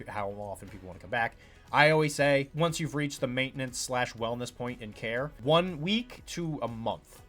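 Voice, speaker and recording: On his own podcast, a chiropractor delivers a loose, rambling monologue packed with fillers, imitating what his patients say. His voice is on the low side yet fairly bright in tone.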